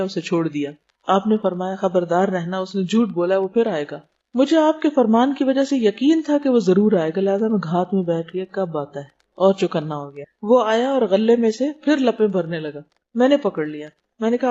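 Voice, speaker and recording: A woman lecturing on religion with a mellow, warm tone. She explains patiently, pausing to ask her listeners questions and slipping in everyday English words. The recording sounds dull and lo-fi. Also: mid-range voice.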